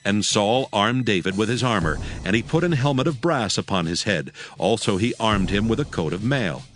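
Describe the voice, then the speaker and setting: A man's voice: lowish voice, expressive, normal speed, fairly bright tone. A man narrating scripture as storyteller in a dramatized reading. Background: background music.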